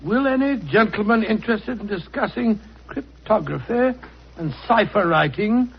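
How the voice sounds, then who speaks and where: An actor playing a bluff, genial English gentleman doctor and loyal sidekick in a 1940s radio drama. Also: high voice, lively intonation, normal speed, creaky, husky, heavily acted. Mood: explanatory. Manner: blustery, genial. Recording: muffled vintage radio recording.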